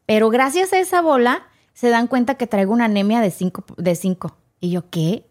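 A woman's voice: on the high side, brisk. A woman, a podcast guest telling her own story with emotion and acting out the people in it. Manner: animated, acts out quoted dialogue.

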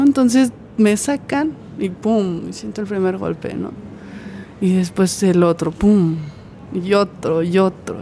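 A woman's voice: medium pitch, a little mellow, slight background noise. A woman with a Mexican Spanish accent, an interview guest giving an earnest personal testimony and vividly acting out what others said.

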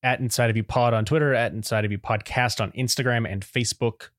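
Fast-talking man chiming in. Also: mid-range voice, steady tone, dry recording, clean studio sound. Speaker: podcast engineer and editor. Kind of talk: casual podcast chat.

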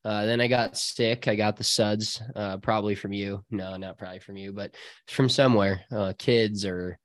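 A man's voice: fairly low pitch, fairly even intonation, normal speed, no room sound. An American man co-hosting a casual chat, talking in a rambling, slangy way. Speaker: podcast co-host.

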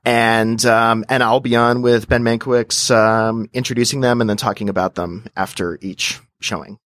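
A man's voice: medium pitch, fairly even intonation, normal speed, a bit bright, dry recording, studio quality. A man as a podcast guest, chatting casually and agreeing emphatically with repeated words. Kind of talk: casual interview chat.

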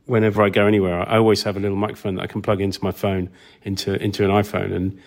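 This man speaks rapid-fire in a low, flat voice. He's a sound designer appearing as an interview guest, casually wandering through anecdotes and performing reactions as he goes.

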